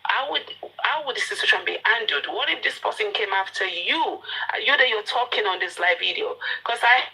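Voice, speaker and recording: A woman's voice: medium pitch, expressive, fairly quick, creaky, sharp tone, husky, poor audio. A woman with a Nigerian accent speaking emphatically in an informal live discussion, repeating points for stress. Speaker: guest panelist on a live online discussion.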